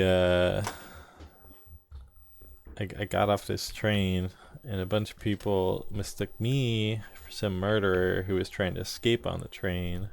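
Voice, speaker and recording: A man's voice: sits low, gravelly. A man casually commenting on a game during a live stream, with self-deprecating asides between the lines he reads.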